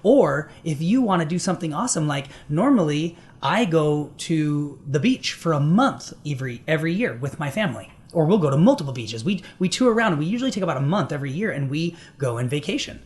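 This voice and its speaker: A man's voice: a little high, sing-song, fairly quick, hardly any pauses. A middle-aged man hosting a business podcast, talking in an upbeat, affirming way. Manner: upbeat, affirming, laughs easily. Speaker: podcast host. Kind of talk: casual interview talk.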